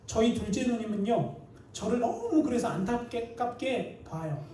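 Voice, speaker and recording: A man's voice: extremely high pitch, lively intonation, measured pace, warm tone, a little hiss or hum. A male pastor in his thirties preaching a sermon, telling personal stories with earnest feeling and acting out prayers and quoted speech. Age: 30s. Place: church sanctuary. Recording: echoey room with the mic at a distance.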